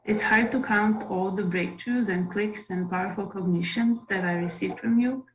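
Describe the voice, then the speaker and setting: A woman shares a testimonial in simple, earnest phrases with a few small fillers. Her pitch is ordinary for a woman, and a faint room ambience sits behind her. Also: moderate pace, a little hiss or hum, rough recording. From Croatia. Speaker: devotee giving a testimonial. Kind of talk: prepared personal testimonial.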